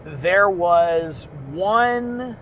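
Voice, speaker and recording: A man's voice: high-pitched, drawn-out words, a bit bright, a little hiss or hum. A man with a Southern accent hosting a podcast, telling stories in a rambling, casual way with the odd swear word. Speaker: podcast host. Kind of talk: casual chat.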